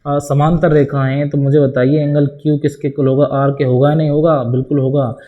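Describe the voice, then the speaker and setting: Teaching maths for board exams, this man explains every step and asks questions he then answers on his own, often addressing students as "bhai." His fairly high voice stays flat in pitch, moves fairly quickly, and sounds like it was recorded over a phone.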